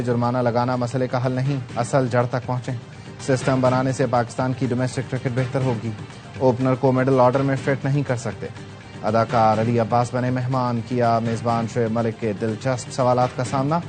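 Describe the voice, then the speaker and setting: A man reading scripted news headlines in an even, formal manner. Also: medium pitch. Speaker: news anchor.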